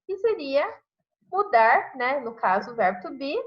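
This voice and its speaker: A woman's voice: high-pitched, big pitch swings, a little slow. A woman with a Brazilian Portuguese accent, an English teacher explaining grammar step by step in a class and tagging "né?" onto her sentences. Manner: explains step by step, says "né?" constantly. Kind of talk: online class grammar review. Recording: dull lo-fi online class audio.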